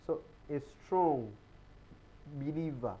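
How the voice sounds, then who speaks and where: A man's voice: on the high side, slow, mellow, dull audio, slight background noise. A man giving an explanatory talk on health in a TV studio, often repeating words as he searches for them. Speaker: guest speaker on health.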